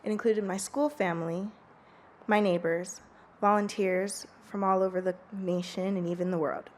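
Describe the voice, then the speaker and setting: A woman's voice: medium pitch, fairly even intonation, normal speed, a little hiss or hum. Earnest young woman giving a speech. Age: late teens. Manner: earnest and heartfelt, reading steadily. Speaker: student speaker. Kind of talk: prepared public speech.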